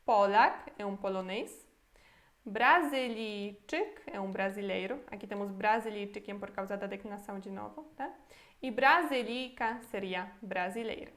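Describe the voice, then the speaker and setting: A woman's voice: medium pitch, fairly bright tone. A woman with a Brazilian Portuguese accent teaching a beginner language lesson, patiently breaking words into syllables and checking in often. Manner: patient, slow syllable-by-syllable pronunciation drills, checks in with "tá?". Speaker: Polish teacher.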